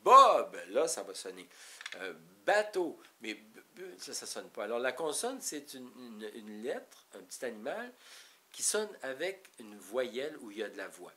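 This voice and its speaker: A man's voice: mid-range voice, very animated, moderate pace. A man with a Québécois French accent giving an informal, rambling talk to parents, explaining step by step with frequent restarts. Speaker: parenting educator.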